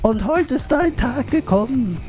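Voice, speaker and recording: A man's voice: very high-pitched, animated, a little slow, a little mellow, soft background music, voice pushed up. A man voicing a male god of love who gives solemn commands to another player in a game role-play.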